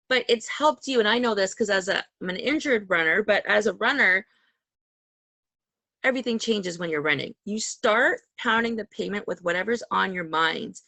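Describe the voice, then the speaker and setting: A woman's voice: mid-range voice, creaky, bright, forceful tone, dry recording. A woman hosting a podcast over a call, talking in a chatty, rambling way and laughing often. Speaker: podcast host. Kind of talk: casual interview chat. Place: home call. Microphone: video call.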